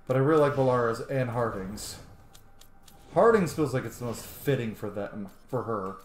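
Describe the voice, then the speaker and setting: Playing a game and commenting, a male streamer speaks at a moderate pace in a medium-pitched voice. His let's-play talk is casual and rambling, and he gushes and swears freely; the recording has roomy echo and faint background noise.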